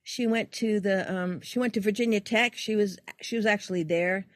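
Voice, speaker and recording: A woman's voice: mid-range voice, moderate pace, no room sound, studio quality. An older woman, a guest artist, telling a story in casual conversation and acting out the quoted lines. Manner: animated, acts out quoted dialogue.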